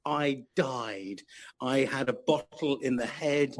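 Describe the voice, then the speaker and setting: A man's voice: mid-range voice, slow. A man in his sixties, a guest musician telling self-mocking stories in an interview. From England. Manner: storytelling, self-mocking, animated. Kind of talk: anecdotal interview chat.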